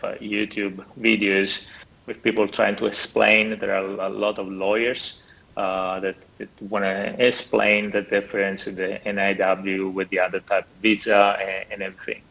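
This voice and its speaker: An Italian man in his forties, speaking with an Italian accent, chats as an interview guest over a video call from an indoor room, hesitating with many fillers and restarts. His voice is on the low side, creaky and a bit bright. The audio, from a laptop or phone camera, is poor.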